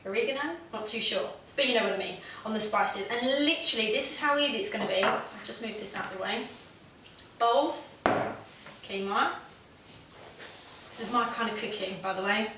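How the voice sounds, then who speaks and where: A woman's voice: medium pitch, moderate pace, pauses often, distant mic, noisy background. A woman hosting a casual home cooking demonstration, chatty and self-deprecating, with plenty of fillers. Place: home kitchen. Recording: very echoey room, voice from off the mic.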